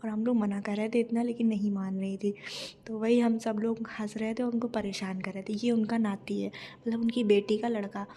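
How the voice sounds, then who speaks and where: A woman vlogging casually at home, telling her day in a chatty, lively way. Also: a little high, a little fast. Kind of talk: casual home vlog narration.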